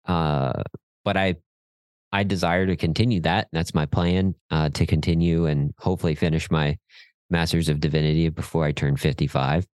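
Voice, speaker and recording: Deep-voiced middle-aged man. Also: fairly even intonation, normal speed, a little mellow, no room sound. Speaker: podcast co-host. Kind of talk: casual chat.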